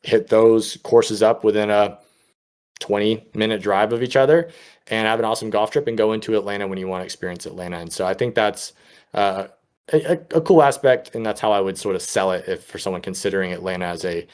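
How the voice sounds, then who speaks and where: A man co-hosts a golf podcast with an easy, rambling delivery. His voice sits a little low, and he talks casually to listeners. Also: a little fast. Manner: relaxed, rambling. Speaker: podcast co-host.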